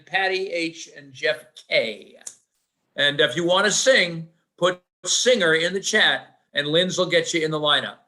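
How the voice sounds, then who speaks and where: A man with a bright, fairly high voice hosts an online folk sing. He speaks in a friendly way, thanking singers and announcing the lineup over a video call. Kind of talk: emcee announcements.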